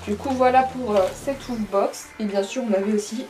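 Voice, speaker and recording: A woman's voice: on the high side, fairly quick. Chatty young woman unboxing pet treats. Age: young adult. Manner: chatty, many fillers, excited asides. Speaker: vlogger unboxing a pet box. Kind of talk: casual unboxing chat.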